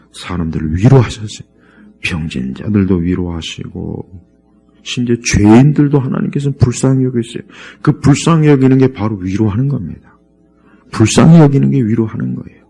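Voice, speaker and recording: Deep-toned, emphatic Korean-speaking male pastor. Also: vocal fry, mellow, breathy edge. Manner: repetitive, emphatic preaching with sudden rises and drops in volume. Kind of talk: sermon. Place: church.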